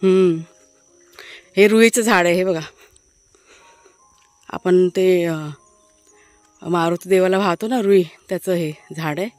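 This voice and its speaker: A woman's voice: fairly low pitch, fairly even intonation, slow, pauses often, a little mellow, no room sound, faint music behind. A woman casually chatting to her viewers while showing a village garden outdoors, with many fillers. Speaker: vlogger. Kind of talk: casual village vlog narration.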